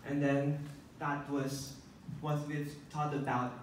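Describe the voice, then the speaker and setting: A teenage boy from Taiwan gives a student contest pitch in careful English, his first language being Mandarin. He stumbles and restarts often, and he speaks into a handheld mic. The sound is an echoey conference hall, caught from far off with faint noise. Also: little pitch movement, slow. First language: Mandarin Chinese. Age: teens. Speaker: student presenter. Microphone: handheld mic, filmed by a far phone camera.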